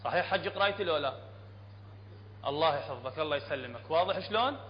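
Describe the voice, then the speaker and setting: High-voiced Iraqi man teaching Quran recitation. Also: animated. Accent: Iraqi Arabic. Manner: explains plainly, checks often with the class, chants verses slowly. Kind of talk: classroom tajweed lesson. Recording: dull lo-fi hall recording, faint hum.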